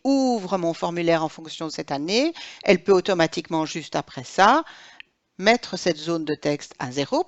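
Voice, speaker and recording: A woman teacher walks through a screen-recorded software lesson, explaining each step as she goes and thinking aloud along the way. Her voice sits at a middle pitch and comes through a dull, lo-fi recording. The sound is dry, with no room around it. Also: dry recording.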